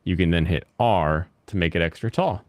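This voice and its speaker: A young man talking casually while playing a video game, rambling and halting with plenty of fillers as he thinks aloud. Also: low voice, dry recording. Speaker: gaming host. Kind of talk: casual gameplay chat.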